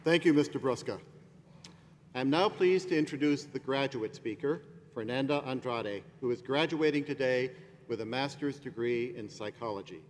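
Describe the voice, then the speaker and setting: A man acts as master of ceremonies at a graduation, introducing the next speaker in a formal, even announcer voice. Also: medium pitch, moderate pace. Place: large ceremony hall. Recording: distant echoey hall with faint noise.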